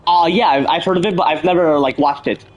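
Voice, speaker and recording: A man's voice: fairly high pitch, quick pace, dull audio. A man hosting a live stream, chatting casually and rambling with lots of fillers and restarts. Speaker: stream host. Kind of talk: casual chat.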